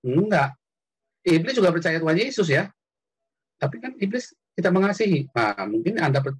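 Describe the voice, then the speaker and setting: A man hosting an online call-in, preaching casually and answering a caller with animated, lively delivery. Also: slightly rough. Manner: animated, jumps high when quoting or shouting. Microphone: computer mic on an online call.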